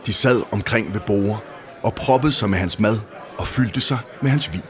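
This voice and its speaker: Man calmly reading a storybook aloud. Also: on the low side, crowd noise. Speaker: narrator. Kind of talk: storybook narration.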